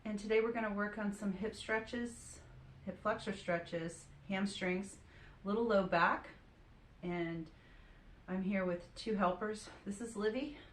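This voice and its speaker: A woman yoga instructor talking a class through stretches in a calm, steady voice. Her pitch sits in the middle range. The sound bounces around a roomy, echoey space. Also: a little slow, slight background noise. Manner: calm, steady cueing of breath and poses.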